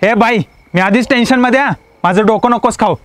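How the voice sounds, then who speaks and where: A man's voice: very high-pitched, a little fast, no echo. An actor playing Akash, a tense young man who snaps insults at his partner. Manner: hot-tempered, insulting, then softening.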